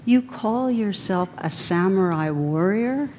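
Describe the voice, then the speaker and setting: A woman's voice: animated, slow pace, darkish tone. Give me a woman playing a provocative old monk. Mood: mocking. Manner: taunting, smirking. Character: old male monk, calm and teasingly provocative. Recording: reverberant hall with faint rumble.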